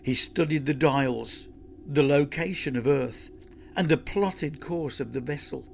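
Man reading a kids sci-fi story, slow and expressive, a bit high. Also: creaky, slight background noise. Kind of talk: storybook narration.

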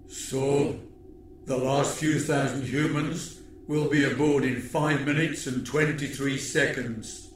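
A man voicing an obedient male alien henchman in a storybook reading, reporting in a flat manner. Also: medium pitch, slow, roomy sound, a little hiss or hum, close to an everyday voice, poor audio. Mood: dutiful.

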